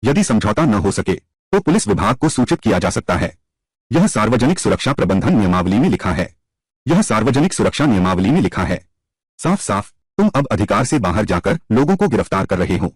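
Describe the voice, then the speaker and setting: A man's voice: lowish voice, big pitch swings, brisk, slightly rough, no room sound. A man reading all the parts of a dubbed drama in one voice, switching between scornful taunts and pleading.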